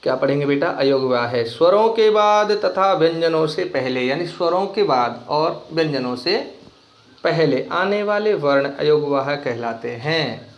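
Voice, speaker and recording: A man teaching a grammar lesson to children, asking them questions and repeating key words slowly. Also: a little high, animated. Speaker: Hindi teacher. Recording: echoey room.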